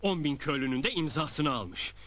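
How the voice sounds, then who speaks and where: A man's voice: fairly high pitch, expressive, normal speed, lightly acted. A man acting a middle-aged, irritated and domineering newspaper editor in a comedy film. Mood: exasperated. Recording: noisy old film soundtrack.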